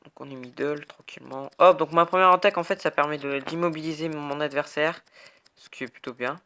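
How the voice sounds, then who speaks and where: A young man with a cold gives rambling, casual commentary over a video game as a gaming YouTuber. His fairly high voice is bright and forceful, brisk with fairly even intonation, over a little hiss or hum. He fills his talk with sound words like "hop," "bam" and "tac."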